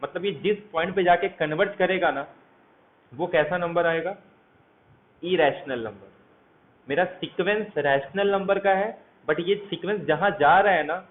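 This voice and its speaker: A man teaching a math lecture, walking through each step and asking his students questions as he goes. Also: on the high side. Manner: walks through steps, asks students questions. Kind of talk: explanatory lecture. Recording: tinny phone-like audio, faint hiss.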